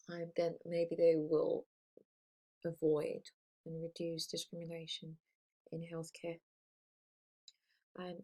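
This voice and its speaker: A woman's voice: lowish voice, warm tone. A woman teaching a recorded lesson, explaining points to her students in an encouraging way.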